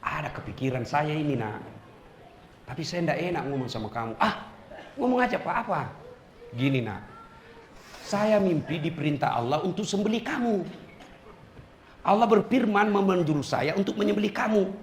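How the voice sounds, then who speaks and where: A man voicing a gentle elderly father who speaks softly and haltingly, coaxing. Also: fairly high pitch, expressive, reverberant, a little hiss or hum, lightly acted. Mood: hesitant.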